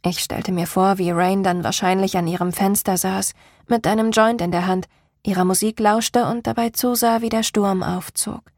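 A woman reading a first-person story aloud in a steady, even storytelling delivery. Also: mid-range voice, normal speed, no echo, studio quality. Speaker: audiobook narrator. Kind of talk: first-person scripted narration.

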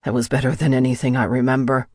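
Brief: a woman playing a husky young man, deep and murmured, a breathless lover in an audiobook. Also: fairly even intonation, fairly quick, darkish tone, no room sound, studio quality, exaggerated voice. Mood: panting.

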